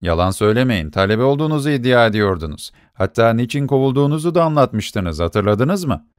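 A man's voice: mid-range voice, big pitch swings, brisk, dry recording, clean studio sound, lightly acted. A man voicing an indignant male lawyer who scolds a beggar. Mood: accusing.

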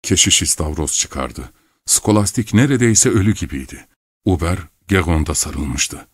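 A man narrating a story in a measured storytelling manner. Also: low-pitched, animated, slightly rough, dry recording. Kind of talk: scripted narration.

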